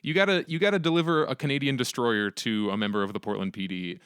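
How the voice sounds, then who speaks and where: A man's voice: fast talker, clean tone, no echo, clean studio sound. A man hosting a podcast, telling a story in casual chat and acting out the people in it with a raised voice. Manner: animated, acts out quotes in a raised pitch. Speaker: podcast host.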